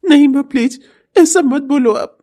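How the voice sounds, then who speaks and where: A woman's voice: high voice, normal speed, mellow, natural voice. A woman voicing a devoted young son in a cartoon, anxious, pleading and tearful. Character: devoted young adult son Nikhil, emotional. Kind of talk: cartoon voice acting.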